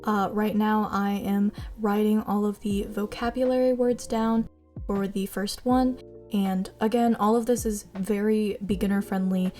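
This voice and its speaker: Over soft background music, a young woman whose first language is Mandarin narrates a vlog, teaching her own study method in a chatty, self-deprecating way packed with "likes" and "ums." Her voice is medium in pitch, level in tone and a little slow.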